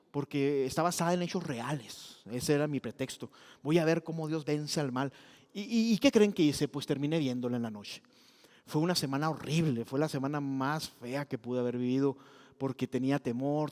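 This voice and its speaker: A man preaching a sermon and telling a personal story in an animated way, acting out the voices he quotes. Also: fairly high pitch, in a large hall. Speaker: pastor.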